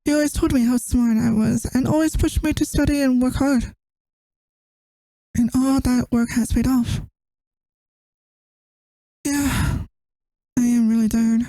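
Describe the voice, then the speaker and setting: A woman's voice: a little high, steady tone, unhurried, long pauses, no echo. A woman playing a tired, affectionate girlfriend who misses her partner, in a tender, intimate ASMR role-play. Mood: tired, soft. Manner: tender, intimate, soft-spoken.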